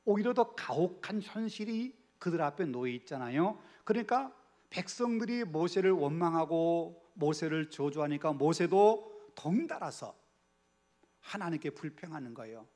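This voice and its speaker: A man's voice: on the high side, animated, moderate pace, darkish tone. Man, pastor, Bible study sermon, earnest, rhetorical questions to the congregation, occasional near whisper, church.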